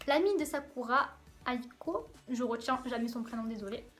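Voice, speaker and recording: A woman reviewing anime episodes in a casual vlog, pausing often with "euh" and repeating words for emphasis. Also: fairly high pitch, expressive, fairly bright tone, soft background music. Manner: hesitant, filled with frequent "euh" pauses.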